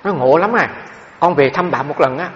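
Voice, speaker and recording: A Buddhist monk gives a dharma talk on meditation, telling stories full of repeated fillers. His voice sits on the high side and is a bit bright, at a moderate pace. The recording is dull, with long hall reverb and faint background noise.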